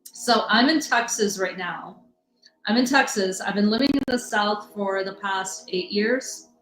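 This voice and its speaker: A woman's voice: mid-range voice, a little slow, a bit bright. Chatty woman live-streaming in an echoey room. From US Midwest. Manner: chatty, rambling, greets viewers by name. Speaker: livestream host, energy reader. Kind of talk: casual live-stream chat. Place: home room in Texas. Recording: echoey room, faint music.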